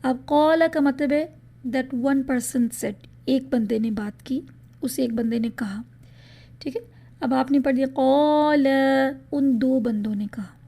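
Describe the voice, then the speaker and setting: A woman teaching Quran recitation rules in a podcast lesson, explaining patiently and reciting example words slowly, mixing English words into her talk. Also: high voice, vocal fry, dark tone. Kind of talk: spoken tajweed lesson in a podcast.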